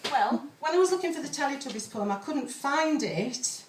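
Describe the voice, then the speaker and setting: A woman's voice: sits high, lively intonation, moderate pace, distant mic, a little hiss or hum. A woman poet chatting in a rambling, nervous, self-deprecating way to an audience as she introduces her poems at an open mic. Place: live open mic room. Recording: echoey room, off the mic.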